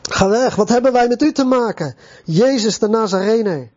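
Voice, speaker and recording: A preacher voicing a hostile demon spirit. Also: male voice, very high-pitched, animated, normal speed, a little mellow, no echo. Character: shouting unclean spirit in a possessed man. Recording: dull lo-fi recording.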